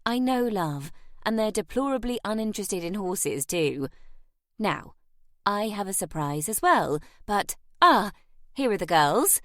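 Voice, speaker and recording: Gentle caretaker, young woman, soothing and warm, a woman narrator doing her. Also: medium pitch, sing-song, measured pace, dry recording, clean studio sound. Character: kind young woman caring for orphans.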